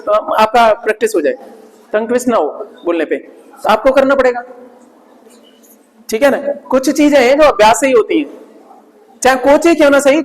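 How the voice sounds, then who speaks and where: A man with a notably high voice teaches vocabulary to a class, repeating each word several times. He checks in with "right?" after nearly every phrase. The sound rings with a long reverb from the classroom. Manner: drills words aloud, constantly asks "right?". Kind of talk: classroom lesson. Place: classroom with projector. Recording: echoey room with long reverb.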